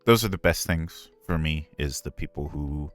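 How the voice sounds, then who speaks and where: Deep-voiced man chatting candidly on stream. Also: moderate pace, faint music behind. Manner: candid, earnest, rambling with frequent asides. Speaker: streamer and ASMR voice actor. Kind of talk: casual live-stream Q&A.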